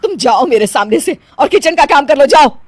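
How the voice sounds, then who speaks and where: A woman voicing a stern middle-aged mother-in-law in a cartoon, speaking loudly in a scolding tone. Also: high voice, expressive, brisk, no echo, voice pushed up. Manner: loud and scolding.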